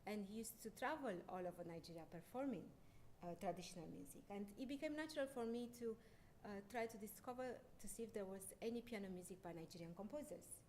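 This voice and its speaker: Pianist lady lecturing at a research forum, lots of ums and restarts, bit of rumble and hiss behind. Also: animated, quick pace, darkish tone. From Romania. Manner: hesitant, many fillers and restarts. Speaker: concert pianist giving a research talk. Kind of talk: lecture presentation. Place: lecture hall. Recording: faint background noise and rumble.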